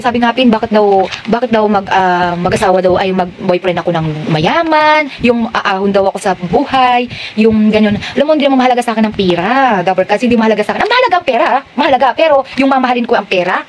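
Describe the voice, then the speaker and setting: A woman speaks heartfelt and confessional to her online followers. She talks quickly in a slightly high voice and keeps restarting her sentences. A faint background hum sits under her voice. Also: poor audio. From Philippines. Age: adult with daughters. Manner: confessional, repeatedly calls the viewers "Dabarkads"; rambling with many restarts. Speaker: online seller and vlogger.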